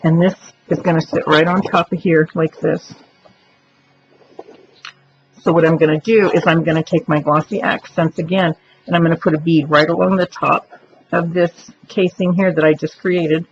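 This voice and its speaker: A woman presents a craft tutorial, chatting and thinking aloud as she explains each step while working. Her low voice has fairly even intonation at a normal speed, and the lo-fi recording sounds dull with faint noise.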